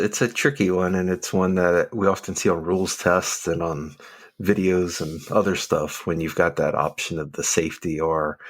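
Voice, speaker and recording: Male podcast co-host, very low husky voice, dry sound, walks through rules steadily with lots of ums. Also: dry recording. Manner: explains rules methodically with many fillers. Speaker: podcast co-host, football official. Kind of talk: casual rules discussion.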